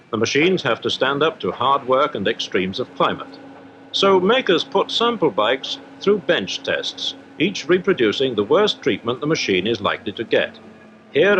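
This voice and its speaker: Playing a 1950s newsreel industrial correspondent, a British man delivers a formal, explanatory scripted report in a medium-pitched, slightly bright voice. The newsreel soundtrack sounds dull, with music running behind him and a little background noise.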